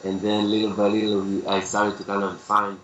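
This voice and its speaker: Interview guest, man, Israeli accent, low and relaxed, roomy dull remote audio. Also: fairly quick, a little hiss or hum. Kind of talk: conversational interview. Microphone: video call.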